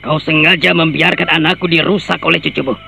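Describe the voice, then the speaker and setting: An actor playing a wrathful older village father in a radio drama, shouting threats. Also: a little high, steady tone, brisk, creaky, soft background music, exaggerated voice. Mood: furious. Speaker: antagonist. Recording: noisy, muffled radio recording.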